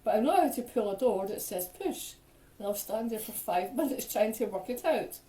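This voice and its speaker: A woman's voice: fairly high pitch, animated, normal speed, warm tone, recorded from a distance. Teasing tipsy woman. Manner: teasing, wisecracking, playfully self-mocking. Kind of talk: casual chat, joking. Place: home, in front of a ring light. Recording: echoey room.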